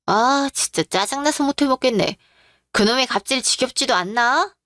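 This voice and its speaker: Woman voicing a mouthy young sister-in-law, sarcastic, pitched up, dry sound. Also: expressive, normal speed, a bit bright, no room sound. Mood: sneering. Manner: sarcastic, sneering. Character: snide young sister-in-law, rude and mocking. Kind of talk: radio drama acting.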